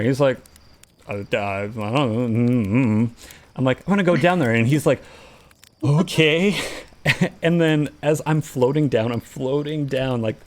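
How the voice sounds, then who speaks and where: A man hosting a casual podcast, telling a story and acting out the quoted lines with animation. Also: medium pitch. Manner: animated, acts out quoted dialogue. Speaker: podcast host and streamer.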